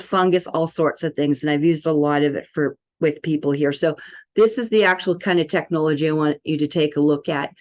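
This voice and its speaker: A woman with a low, slightly mellow voice demonstrates a health product in a casual way, chatting enthusiastically straight to viewers. The recording sounds dull and lo-fi.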